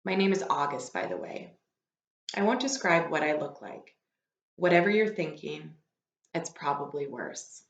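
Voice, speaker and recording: In an unhurried, sing-song delivery, a woman with a deep voice reads aloud to a class, pausing to explain and to question the children conversationally. The recording sounds muffled, with a roomy echo.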